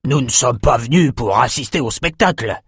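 An impatient working fisherman, as a male narrator plays him challenges the others in a husky, blunt voice. His lines sound dry and a little farther from the mic than the narration. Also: medium pitch, expressive, moderate pace, dry recording.

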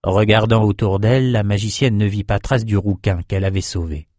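A man narrating a fantasy novel as an audiobook in a steady, even storytelling manner. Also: fairly low pitch, brisk, no echo, studio quality. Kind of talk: scripted narration.

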